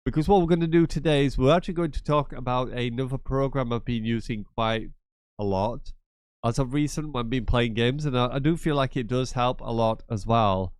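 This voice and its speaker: A cold has given this gaming channel host a blocked, nasal sound as he chats through a casual screen-share tutorial. His mid-range voice is smooth and fairly quick, with no room sound, and he keeps repeating himself and drifting into asides.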